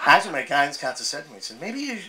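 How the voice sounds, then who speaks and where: A man performing a stand-up comedy set, telling stories with acted-out voices and loud outbursts. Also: mid-range voice, animated, racing. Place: live comedy venue with laughing audience. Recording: live audience crowd noise. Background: audience laughter and applause.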